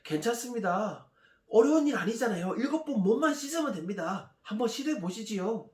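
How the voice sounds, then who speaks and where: A man's voice: expressive, fairly quick. A man voicing loyal soldiers who coax and plead with their general, in an echoey room. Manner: coaxing, raised pitch.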